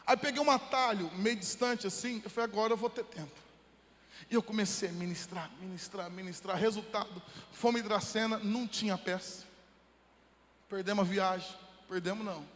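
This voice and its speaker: A man's voice: sits high, brisk, a bit bright. A man from the interior of São Paulo, Brazil, a pastor telling a personal story in his sermon and rising into fervent preaching. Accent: Brazilian Portuguese, São Paulo interior. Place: church hall. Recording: long hall reverb from the church.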